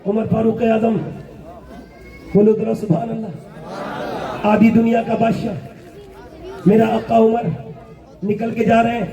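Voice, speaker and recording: A man's voice: sits high, mellow. A man preaching a sermon to a crowd in a mosque, telling stories with acted dialogue and calling for responses. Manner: storytelling, acts out dialogue, asks the crowd to respond. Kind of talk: religious sermon. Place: mosque gathering. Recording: echoey mosque, distant mic, crowd.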